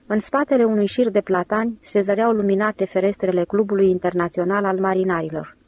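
A woman narrating an audiobook in an even, steady reading voice. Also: medium pitch, no room sound. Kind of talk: scripted narration.

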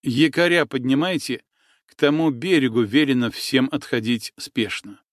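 A man reading an audiobook, voicing a determined young girl messenger in a higher, urgent, commanding tone. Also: normal speed, dry recording, clean studio sound, lightly acted.

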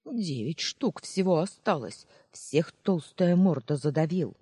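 A reader voicing a kindly, grumbling old village woman with a hoarse voice in an audiobook. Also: medium pitch, big pitch swings, measured pace, warm tone, dry recording, clean studio sound. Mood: scolding. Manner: good-natured grumbling, scolding. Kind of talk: audiobook character voice.

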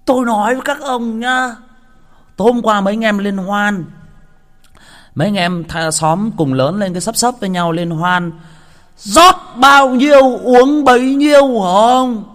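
A man's voice: sits high, moderate pace, fairly bright tone. A man telling a story in a casual, chatty first-person way, stumbling over and repeating words as he talks straight to his listeners. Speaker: storyteller host.

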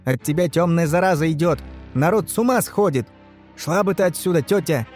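A man voicing a calm, cocky male house spirit who talks in a matter-of-fact way. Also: fairly high pitch, brisk, soft background music, pitched above the performer's own voice, natural voice. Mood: stern.

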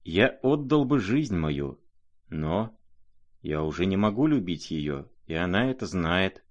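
A man playing a gentle, troubled young nobleman who speaks quietly and pleadingly. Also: low voice, big pitch swings, unhurried. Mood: sorrowful.

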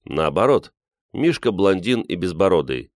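A man reading an audiobook, voicing a wry, steady young man who teases dryly. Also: deep voice, measured pace, no room sound, full character voice. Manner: dry, wry.

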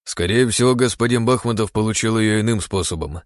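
A man's voice: fairly low pitch, no echo, studio quality, lightly acted. A man voicing a tall gray-haired male expert who mumbles and drags out his words. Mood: musing. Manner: mumbling, drawn-out.

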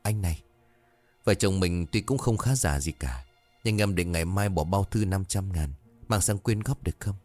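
A man doing a soft-hearted village mother. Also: low-pitched, moderate pace, faint music behind, lightly acted. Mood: sorrowful. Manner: sorrowful, sympathetic.

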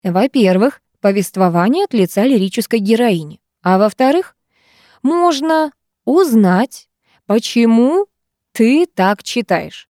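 A woman's voice: a little high, lively intonation, slow pace, warm tone, no echo, clean studio sound, pitched above the performer's own voice. Woman reading as a wry weary male teacher.

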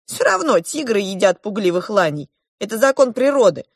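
A woman's voice: mid-range voice, very animated, moderate pace, no room sound, clean studio sound, pitched above the performer's own voice. A woman reading a storybook aloud and voicing a proud, argumentative boy prince from an undersea kingdom, with a haughty, lecturing tone. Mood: boastful.

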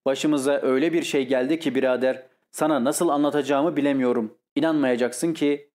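A man's voice: mid-range voice, steady tone, brisk, darkish tone, lightly acted. Man reading as a sheepish young lieutenant. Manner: mumbling, guilty. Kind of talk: audiobook character reading.

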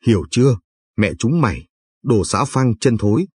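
A man's voice: medium pitch, expressive, moderate pace, darkish tone, husky, no echo, clean studio sound. A man voicing a drunken, brutal one-eyed male bandit who snarls coarse threats. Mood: threatening.

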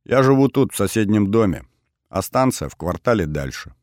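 A man's voice: lowish voice, very animated, normal speed, darkish tone, no echo, studio quality. A man voicing a grumpy, spry old male power engineer in an audiobook, grumbling and teasing.

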